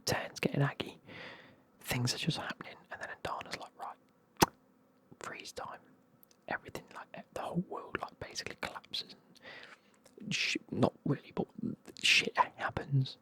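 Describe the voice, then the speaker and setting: With a mid-range, breathy-edged voice at a normal speed, a book reviewer softly whispers a rambling ASMR summary of a fantasy novel. The talk is casual and loaded with fillers and swear words.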